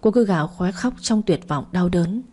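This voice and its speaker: A woman narrating a dramatic family story in a steady, scripted reading. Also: lowish voice, normal speed, breathy edge.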